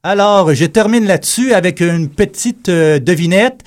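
A man with a Quebec French accent talks in a radio studio, joking and hesitant. His voice sits a little high for a man. He fills gaps with plenty of fillers. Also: expressive, normal speed. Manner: jokey, chatty, hesitant with many fillers. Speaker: radio columnist. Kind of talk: casual radio chronicle.

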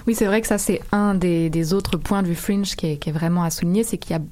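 Very mellow-voiced woman hosting an interview. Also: fairly low pitch, fast. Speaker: interview host. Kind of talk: conversational hosting.

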